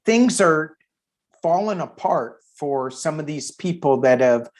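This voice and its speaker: A woman's voice: low voice, expressive, slow, darkish tone. A woman guest in a casual tarot chat, easygoing and enthusiastic.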